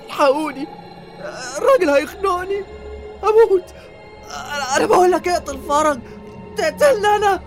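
A man's voice: very high voice, big pitch swings, fast talker, soft background music. An Egyptian-accented actor playing a cowardly young man who pleads and panics. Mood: panicky. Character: cowardly young man, jittery, easily terrified.

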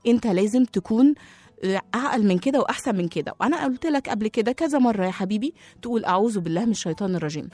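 A woman with an Egyptian accent voicing a caring mother in a children's story, soothing and gently scolding. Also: medium pitch, lively intonation, very fast, lightly acted. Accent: Egyptian Arabic.

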